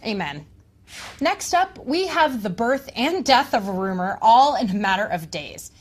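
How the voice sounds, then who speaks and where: A woman's voice: fairly high pitch, big pitch swings, a little slow. A woman co-hosting a scripted tech rumor show with upbeat, confident banter.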